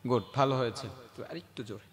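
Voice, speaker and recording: A man teaching children Quran recitation, questioning and coaxing them, then modelling the verses slowly. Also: medium pitch, in a large hall.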